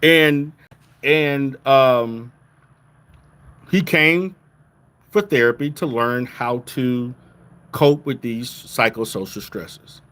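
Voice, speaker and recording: A man's voice: medium pitch, drawn-out words, pauses often, a bit bright. A middle-aged man from Louisiana, a therapist talking casually to viewers, stressing his points with "okay?" and often restarting his sentences. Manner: repetitive restarts, emphatic "okay?" check-ins.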